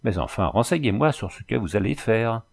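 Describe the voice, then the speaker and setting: A wounded, devoted young engineer from an old adventure storybook, as a male reader gives him voice. He pleads earnestly and anxiously in a low, plain voice close to the reader's own. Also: lively intonation, brisk, creaky. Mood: pleading.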